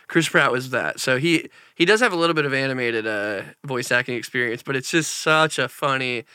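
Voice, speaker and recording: A man's voice: medium pitch, brisk, sharp tone, clean tone, no echo, studio quality. A man co-hosting a podcast in casual chat, laughing often and jumping into playful bits. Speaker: podcast co-host.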